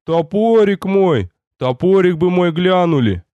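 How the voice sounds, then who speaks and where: A man's voice: high voice, big pitch swings, a little slow, a little mellow, no echo, dull audio, pitched above the performer's own voice, exaggerated voice. A man voicing a young male sentry who wails and begs from a wall. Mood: pleading. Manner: whining, wailing calls.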